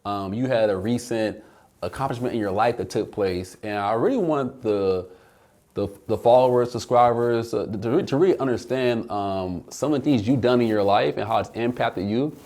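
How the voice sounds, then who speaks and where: A man hosting a finance channel, pitching the video energetically, then interviewing a guest with many restarts. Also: normal speed, a little mellow. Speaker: host.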